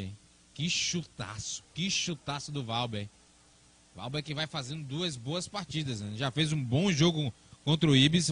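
A man's voice: high voice, pushed and bright. A man calling a football match live in a chatty, colloquial way. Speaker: football play-by-play commentator.

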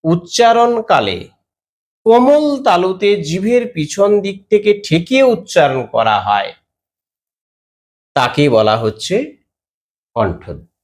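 Lively male teacher explaining grammar. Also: high voice, takes it slowly, pauses often. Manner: explanatory, with many hesitations and demonstrations of sounds. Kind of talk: grammar lesson.

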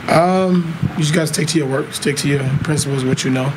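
A man in his thirties, a basketball player giving short, low-key answers at a postgame press conference into a table mic. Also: fairly quick, noisy background. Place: press conference room in front of a sponsor backdrop. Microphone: table microphone in front of him.

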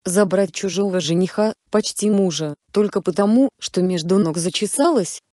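A woman's voice: medium pitch, normal speed, dark tone, dry recording, clean studio sound, close to an everyday voice. A woman reading as a proud betrayed young woman. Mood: furious. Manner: cold then furious.

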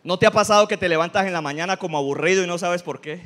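A middle-aged man preaching a sermon as pastor, humorous and animated, asking the congregation questions. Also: high voice, racing.

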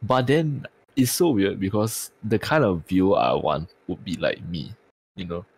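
A man's voice: deep voice, measured pace, slightly rough. A man with a tired-sounding voice, chatting casually on a podcast and swearing freely. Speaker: streamer and podcast co-host.

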